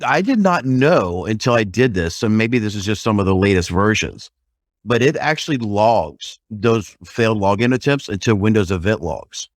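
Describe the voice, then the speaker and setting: A man's voice: on the low side, normal speed, no echo, clean studio sound. A man co-hosting a casual podcast conversation. He tells stories animatedly and swears mildly. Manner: animated storytelling, mild swearing.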